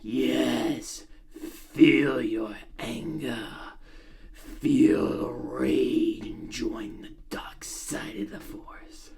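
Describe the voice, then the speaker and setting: A man doing a slow, breathy, menacing whisper as a sinister old male emperor, a little off the mic. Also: mid-range voice, a little mellow, full character voice.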